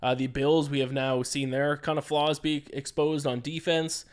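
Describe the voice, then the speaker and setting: A man's voice: fairly high pitch, level tone, normal speed, clear, resonant tone. Tired guy doing his betting podcast solo, lots of uhs and ums, keeps wandering off track. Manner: rambling, distracted, frequent "uh" and "um". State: tired, yawning. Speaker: sports betting podcast host. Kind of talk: casual solo podcast commentary.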